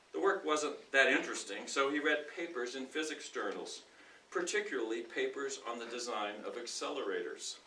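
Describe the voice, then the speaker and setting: A man giving a deliberate, emphatic reading of nonfiction to a live audience, pausing between short phrases. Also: mid-range voice, bright, forceful tone. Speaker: speaker in a dramatic reading contest. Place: indoor room at a speaking club meeting. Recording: roomy, distant mic with faint noise.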